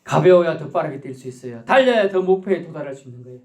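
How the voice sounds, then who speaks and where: A male pastor delivering a lively church sermon, his pitch climbing and dropping as he plays out small everyday scenes. He laughs now and then and calls for amens from the congregation. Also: fast. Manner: animated preaching, acts out little scenes with laughter. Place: church sanctuary.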